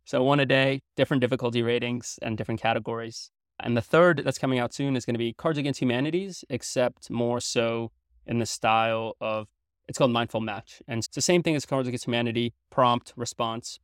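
A young Belgian man whose first language is French speaks as a guest in a casual interview chat, earnest and explanatory. His manner is loose, full of fillers and restarts. His voice sits mid-range, with no echo and clean studio sound.

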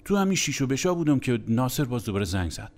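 A man's voice: medium pitch, big pitch swings, darkish tone. A young man telling a crude, comic anecdote in a blunt, exasperated way. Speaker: storyteller.

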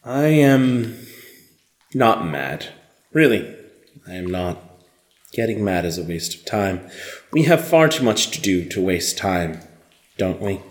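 A deep male voice, sing-song and exaggerated, plays a battle-hardened rebel commander in an audio drama. He stays measured and commanding, his controlled anger simmering beneath the stern delivery.

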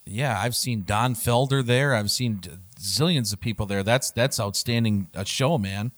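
A man hosting a podcast, interviewing a guest casually and with enthusiasm, quick to praise. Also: mid-range voice. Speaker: podcast host.

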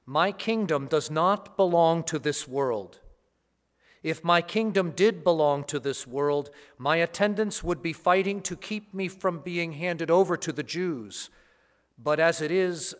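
A priest reading the gospel and giving a homily at Mass in a measured, deliberate way, his voice carried by a cathedral echo. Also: a little high, fairly bright tone. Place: large church. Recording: long church hall reverb.

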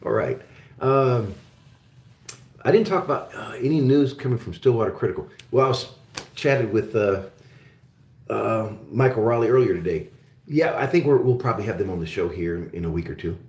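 This lowish, darkish voice belongs to a man from Germany who grew up in Oklahoma and runs a live call-in program about metals and resource stocks. He talks at a moderate pace, animated and rambling, full of fillers and false starts, with roomy echo around him.

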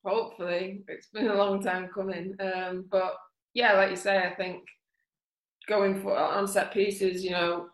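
Flat-voiced woman footballer in an echoey room. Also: medium pitch, unhurried. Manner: relaxed, thinks aloud with fillers. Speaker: footballer guest. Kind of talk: casual podcast chat.

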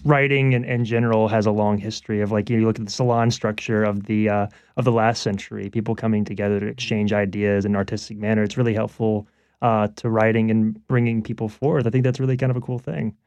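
Guy hosting a radio interview, low mellow voice, dry close sound. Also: quick pace, clear, resonant tone, dry recording. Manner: relaxed, easygoing, frequent "uh" fillers. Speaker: radio show host. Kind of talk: conversational interview.

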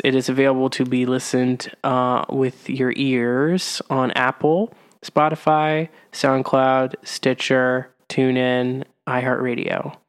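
A man's voice: mid-range voice, a bit bright, smooth. A man co-hosting a casual astrology podcast, chatty and rambling, with many fillers. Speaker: podcast co-host. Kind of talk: casual chat.

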